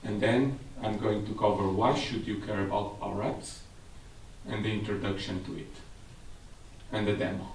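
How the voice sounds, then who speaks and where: With a fairly low, steady voice at a moderate pace, a man in his thirties delivers a technical seminar presentation to a large audience in a Portuguese accent. His manner is explanatory and his phrasing slightly non-native; the conference talk is heard from afar in an echoing room with slight background noise.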